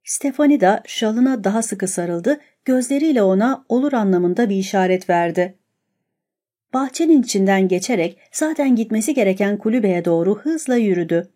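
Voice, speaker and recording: Mellow-voiced woman reading a novel. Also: medium pitch, expressive, moderate pace. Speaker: audiobook narrator. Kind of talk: scripted narration of a novel.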